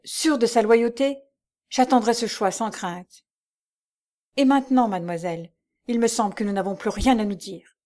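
A woman's voice: a little high, moderate pace, a little mellow, lightly acted. A woman reading aloud and voicing a poor young working woman who is bewildered at first and then fiercely indignant and impassioned.

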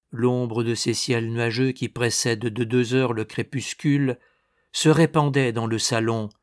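A man narrating a classic novel aloud in a measured, deliberate reading. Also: medium pitch.

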